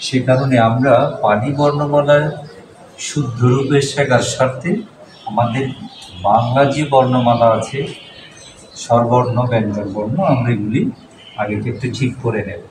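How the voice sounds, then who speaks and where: A Buddhist monk teaches a classroom pronunciation lesson, patiently repeating each letter's sound and quizzing his students in a room with a board. His voice is medium-pitched with fairly even intonation, at normal speed with long pauses. The recording is echoey, with a distant mic and noise.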